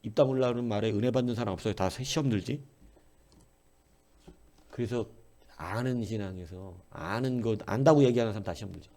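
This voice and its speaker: A man preaching a sermon as pastor, animated, with many rhetorical questions and swings between loud exclaiming and quiet murmuring. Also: lowish voice, a little fast, pauses often. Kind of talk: early-morning sermon.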